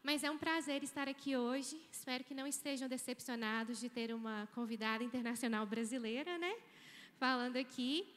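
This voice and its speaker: A Mineiro woman in her thirties from Minas Gerais, Brazil, a nursing professor, gives a guest keynote in a large auditorium on a handheld mic. Her high, slightly bright voice moves fairly quickly with fairly even intonation, and she keeps things chatty and informal, tossing in frequent tag questions. Hall reverb fills the recording.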